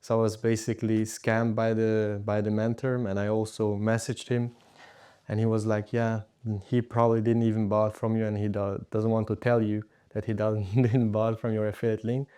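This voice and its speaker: This young man, somewhere from his teens to young adulthood, was born in Hungary and moved to Austria at seven. As a podcast guest he casually tells his story in a lowish, fairly flat voice at a normal pace, with a dark but clean tone.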